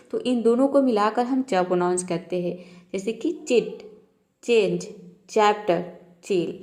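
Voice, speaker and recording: Brief: Indian woman, English tutor, slightly high voice, slow patient word drills. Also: mellow. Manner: patient, repeats and restates each point. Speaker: English teacher. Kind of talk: classroom-style lesson explanation.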